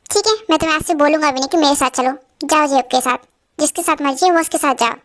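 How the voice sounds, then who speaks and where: A woman's voice: sits high, quick pace, background noise, lightly acted. A woman voicing a young husband who turns sulky and curt when jealous, in an amateur voice-over drama. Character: young husband, office worker, easily jealous.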